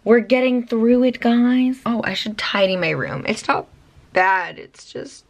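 A woman's voice: on the high side, measured pace, no echo. A teenage girl chatting casually in a vlog, talking through her day with lots of fillers and giggles. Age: teens. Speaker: vlogger.

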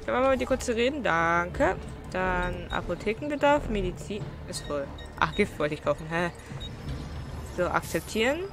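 A woman's voice: fairly low pitch, expressive, normal speed, over music. A young woman giving casual gameplay commentary, blunt and grumbling to herself. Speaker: let's player. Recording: clear background game noise. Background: game street ambience.

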